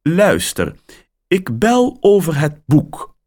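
A man voicing an older lady on the phone who keeps mishearing and turns cross, in a high, shrill voice. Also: huge pitch swings, slow, a little mellow, exaggerated voice. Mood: confused. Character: confused, short-tempered older lady on the phone.

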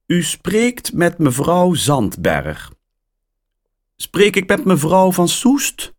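A man voicing an older lady on the phone who keeps mishearing and turns cross, in a high, shrill voice. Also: wildly swooping pitch, extremely slow, exaggerated voice. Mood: confused. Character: confused, short-tempered older lady on the phone.

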